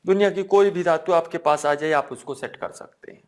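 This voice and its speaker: A man teaching a Sanskrit exam-prep lesson, repeating key words back to the class as questions and checking in with them again and again. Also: a little fast. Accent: Hindi. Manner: asks the class "ठीक है ना?" again and again; drops to a low, quiet voice at times.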